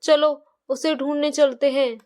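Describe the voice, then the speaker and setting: A woman's voice: high-pitched, flat delivery, unhurried, darkish tone. A woman voicing an angry father who gives urgent commands.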